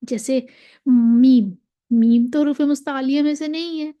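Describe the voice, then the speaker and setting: A woman's voice: sits high, fairly even intonation, measured pace, warm tone. A woman with a Pakistani Urdu accent teaching a tajweed lesson, patiently repeating and drawing out example syllables. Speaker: Quran recitation teacher.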